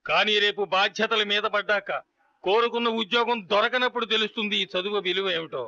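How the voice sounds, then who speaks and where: A strict college lecturer giving a talking-to, high sharp voice, dull movie audio. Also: male voice, a little fast, heavily acted. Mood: stern. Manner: lecturing, firm. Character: college lecturer, stern, admonishing. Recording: dull film soundtrack.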